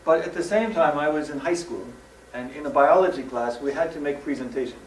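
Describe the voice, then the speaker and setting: A man from the West Coast of the United States giving a lively, joking stage presentation in plain, simple English. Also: fairly high pitch, fairly quick, slight background noise. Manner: lively, jokey, simple English for a Japanese audience. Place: large hall, recorded from afar. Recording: echoey hall, far from the mic.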